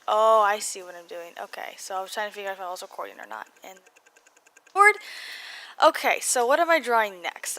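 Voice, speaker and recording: A woman's voice: medium pitch, bright, forceful tone. A young woman from California with an American accent and slightly muffled articulation from braces, telling her story as a casual vlog voice-over, rambling and interrupting herself with self-deprecating asides. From California, United States. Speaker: video blogger.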